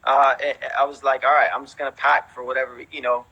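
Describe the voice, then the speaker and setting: The clip has the highs cut off, capturing a slightly rough, mid-range male voice with little pitch movement and a quick pace. He's an American-accented veteran breakdancer in his thirties, Mexican-born and Houston-raised, casually recounting stories as an interview guest. His talk is informal and sprinkled with "you know" and "man."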